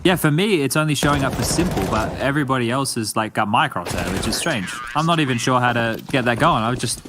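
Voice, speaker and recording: A man's voice: medium pitch, expressive, quick pace. A man giving live color commentary on an esports match, chatty and analytical with joking asides, on a headset mic. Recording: clear background noise with clicks.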